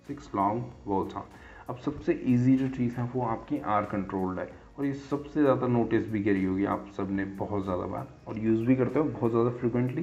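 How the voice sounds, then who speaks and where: A man's voice: lowish voice, mellow. Man teaching, forever checking in. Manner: repeats "theek hai" as a check-in after nearly every point; spells and repeats example words slowly. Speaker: English teacher. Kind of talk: casual explanatory lesson. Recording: dull lo-fi sound.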